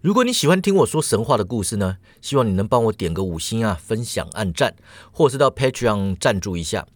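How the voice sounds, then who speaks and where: Expressive male storyteller. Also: lowish voice, a little fast, no echo. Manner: expressive, dramatic narration. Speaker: podcast host, myth storyteller. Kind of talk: storytelling narration.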